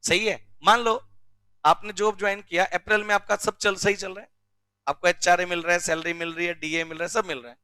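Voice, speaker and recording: A male teacher from India giving a classroom lecture, drilling rules slowly and often checking with questions. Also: high-pitched, steady tone, bright, forceful tone, clean tone, no echo. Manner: recites rules slowly word by word. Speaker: commerce teacher.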